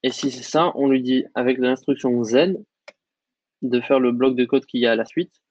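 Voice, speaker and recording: A man teaching a coding lesson over a screen share, explaining in a relaxed way with lots of fillers. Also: mid-range voice, moderate pace, muffled recording. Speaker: coding instructor.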